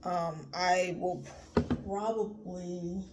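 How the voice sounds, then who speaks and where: A woman in her late thirties giving a casual tarot reading, blunt and profane, her voice climbing high when she makes a point. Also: steady tone, very slow, background noise. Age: 30s. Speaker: tarot reader.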